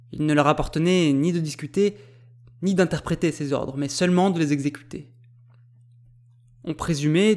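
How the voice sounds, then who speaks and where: A man reading an audiobook in measured, even narration. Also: fairly high pitch. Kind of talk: scripted narration.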